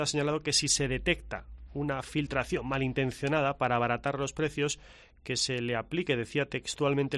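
A man anchoring a regional radio news bulletin with a steady, formal delivery. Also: medium pitch, no echo.

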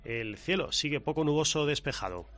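This is a man presenting regional radio news. His voice sits a little high, and his reading stays steady and formal throughout. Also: a little fast. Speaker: news anchor.

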